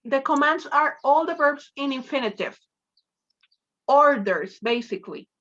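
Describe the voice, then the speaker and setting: Woman teacher, high and bright, patient and encouraging; muffled video-call audio. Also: lively intonation, a little slow. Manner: encouraging, prompts students with repeated questions. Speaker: English teacher. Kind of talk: online class lecture.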